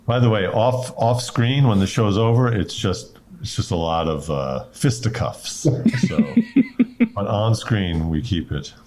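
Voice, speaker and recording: A male guest rambles and jokes in casual conversation. His voice is animated, with a pitch that moves up and down a lot. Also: measured pace, slight background noise. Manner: joking, self-deprecating rambling. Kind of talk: casual chat.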